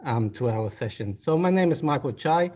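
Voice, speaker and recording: A man's voice: medium pitch, animated, moderate pace, warm tone. A man with a Malaysian accent giving an informal, chatty motivational business talk with a self-deprecating touch and short emphatic phrases. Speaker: conference guest speaker.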